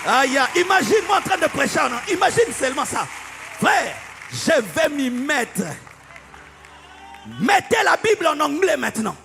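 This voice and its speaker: A man preaches a fiery sermon, shouting and half-singing his lines. His voice sits very high with a gravelly edge and a bright, tense tone. He sounds like he is in a large hall with long reverb and faint music behind. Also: very animated, moderate pace, a crowd in the background, noisy background. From DR Congo. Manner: fiery preaching, often shouting and sing-song. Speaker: pastor.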